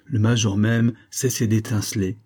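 A man reading a classic novel aloud as an audiobook narrator, in a steady, measured way. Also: on the low side. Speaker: audiobook reader.

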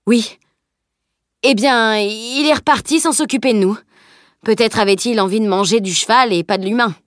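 A woman's voice: a little high, normal speed, no echo, clean studio sound, voice pushed up, natural voice. Woman putting on a cheeky teenage boy. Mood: calm. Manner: lively and playful. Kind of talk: audiobook character reading.

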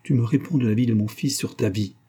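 A man's voice: medium pitch, fast talker, warm tone, husky, lightly acted. A man voicing a stern, protective father who speaks firmly and with menace in a storybook reading. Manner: firm, menacing.

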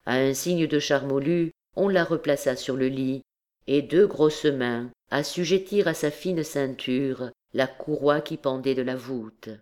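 Woman reading an old novel aloud, real slow and solemn. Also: low voice, dark tone. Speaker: audiobook narrator. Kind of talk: scripted literary narration.

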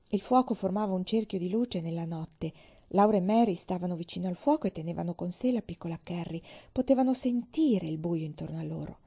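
Mellow woman reading a story aloud. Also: fairly low pitch, gravelly, slightly rough. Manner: calm, expressive storytelling. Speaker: reader. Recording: slightly dull lo-fi recording.

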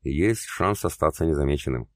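A man narrating an audiobook in the first person, in a steady, grave way. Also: rumbling low, normal speed, no echo, studio quality.

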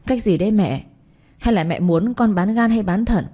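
A woman's voice: mid-range voice, moderate pace, dark tone, pitched above the performer's own voice, natural voice. A woman voicing a worn-out despairing young woman. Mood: bitter. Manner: bitter, exasperated.

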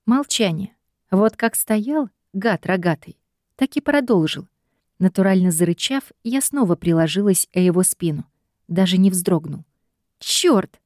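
A woman reading a first-person story aloud in a steady, expressive voice. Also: medium pitch, normal speed, no echo, studio quality. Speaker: audiobook narrator.

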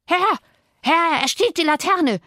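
Woman doing a shrill, crotchety old farmhand. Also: expressive, moderate pace, slightly rough, no room sound, clean studio sound, heavily acted. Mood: alarmed shouting. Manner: shrieking alarm, urging dogs on. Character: crotchety old male farm servant, shrill.

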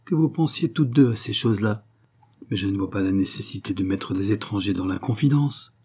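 A man's voice: lowish voice, animated, fairly quick, mellow, husky. A man reading an audiobook, voicing a moody, self-absorbed young poet who talks with glib, forced cheer. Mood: cool.

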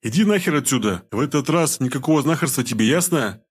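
A man voicing a coarse, domineering ex-convict gang boss who talks in rough barking slang. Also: mid-range voice, lively intonation, quick pace, pitched above the performer's own voice. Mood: furious.

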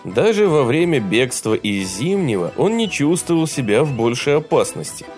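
Expressive male audiobook narrator. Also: mid-range voice, normal speed, faint music behind. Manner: expressive, dramatic reading.

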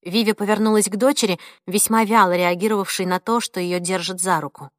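A woman narrating an audiobook in a measured, even storytelling voice. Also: mid-range voice, no room sound, studio quality. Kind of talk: scripted narration.

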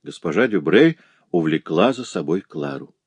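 A man reading a classic novel aloud as narrator, measured and even. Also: low voice, husky, no echo. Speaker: audiobook narrator. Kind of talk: scripted literary narration.

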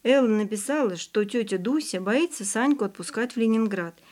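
A woman's voice: on the high side, lively intonation, a little fast, a little mellow, natural voice. A woman reading the lines of a witty, easygoing schoolboy in an audiobook. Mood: joking.

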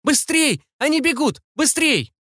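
A frightened young woman cries out in a thin, shrill voice pushed far above a normal register, as a male narrator puts her on. Her lines come in high, strained shrieks with wide leaps of pitch. The sound is dry and close. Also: very animated, a little slow, bright, forceful tone, no echo, exaggerated voice. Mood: panicked shouting. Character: panicked young woman Inna, shrill and breathless.

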